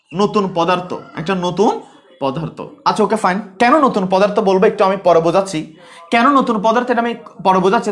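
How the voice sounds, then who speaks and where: A man from Bangladesh teaching a live online biology class, talking casually, asking questions and answering them himself, repeating key points. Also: sits high.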